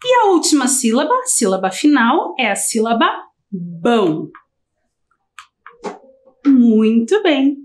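A woman's voice: fairly high pitch, big pitch swings. A Brazilian woman teacher giving a televised lesson to young children, drawing out her words in a sing-song way. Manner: slow, drawn-out, sing-song teacher talk. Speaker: primary school teacher.

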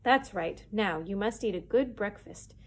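A woman reading the lines of a kindly but stern wealthy older gentleman in a children's storybook. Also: high voice, animated, a little slow.

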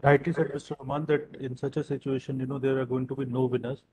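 A man's voice: mid-range voice, little pitch movement, fast talker, dark tone, husky, rough recording. Male moderator, wordy. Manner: long wordy questions with fillers. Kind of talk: interview questions.

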